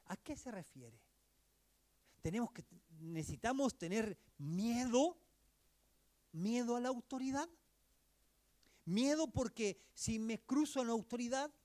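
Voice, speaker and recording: A man preaching a sermon as pastor, earnest and exhorting, moving between emphatic lines and hushed asides. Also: extremely high pitch.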